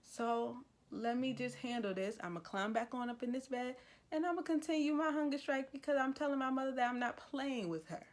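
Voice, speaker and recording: A woman's voice: sits high, steady tone, a little fast, pitched above the performer's own voice, natural voice. A woman voicing a young man who is tender, bossy and stubbornly devoted, speaking in a coaxing, insistent way. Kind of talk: acted-out quote in a casual review.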